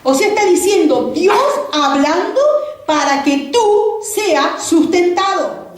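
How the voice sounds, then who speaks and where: A woman pastor delivers a sermon in a high voice, piling up repeated phrases and rhetorical questions. She sounds distant from the mic, and her voice rings around a very echoey church hall. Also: slow. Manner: repetitive, rhetorical questions to the congregation.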